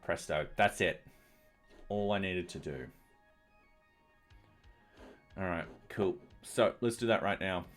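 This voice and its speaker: A man with a fairly low voice talks through his code as he writes it, in a loose, casual live-stream way. He narrates each small step to himself and drops the odd dry, sarcastic remark. Soft music and keyboard clicks sit faintly behind him. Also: measured pace. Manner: dry, mildly sarcastic asides. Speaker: streamer and software developer. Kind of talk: live coding commentary.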